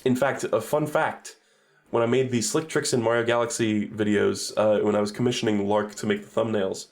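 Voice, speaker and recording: A man's voice: lowish voice, steady tone, normal speed. A man giving casual, rambling game reviews on a stream, swearing freely and correcting himself as he goes.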